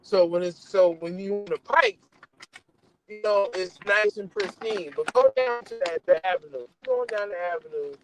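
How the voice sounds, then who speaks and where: A man's voice: high voice, sing-song, moderate pace, gravelly, a little hiss or hum. A man talking casually over a phone call from a moving car, his voice cutting in and out and dropping away as the signal breaks up, restarting his sentences as he rambles. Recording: distant, patchy phone call.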